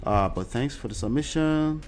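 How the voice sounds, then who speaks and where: This show host, a Nigerian man with Yoruba as his first language, speaks casually in a Nigerian accent while reading viewer comments on his livestream. He has an animated, mid-range voice at normal speed and keeps saying "uh" and "right?".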